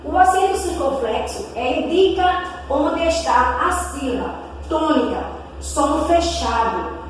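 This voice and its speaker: A high-voiced woman with a Brazilian accent teaches young pupils at a slow, careful pace, drawing out syllables and examples. She sounds far from the mic in a hard, echoey room with a long ring. A faint hiss sits underneath. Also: animated. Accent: Brazilian Portuguese. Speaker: primary school teacher. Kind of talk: recorded remote class lesson.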